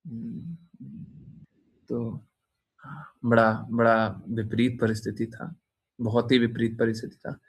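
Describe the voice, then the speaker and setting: A man's voice: mid-range voice, completely flat delivery, moderate pace. A man who is a spiritual teacher, giving an informal devotional talk to his followers, teasing them and repeating his phrases. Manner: teasing, repeats phrases, frequent "हैं?" tag questions.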